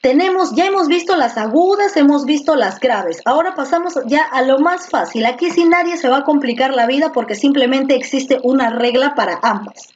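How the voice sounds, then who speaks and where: A woman's voice: high-pitched, normal speed, hardly any pauses. A woman teacher giving an online class, patiently repeating words and quizzing her students, heard through a computer microphone. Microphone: computer microphone in a video class. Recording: slightly muffled lo-fi audio.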